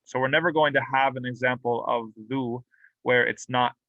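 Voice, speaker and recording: A man's voice: medium pitch, steady tone, moderate pace, dry recording, dull audio. A man teaching a classroom grammar lesson, explaining patiently and drilling example words aloud with light humor. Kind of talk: classroom lecture. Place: mosque classroom.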